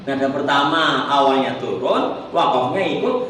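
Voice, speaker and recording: A man teaching a Quran recitation workshop, explaining the melody and chanting verses slowly for the group to repeat. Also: mid-range voice, lively intonation, a bit bright, slight background noise. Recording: echoey hall, distant mic.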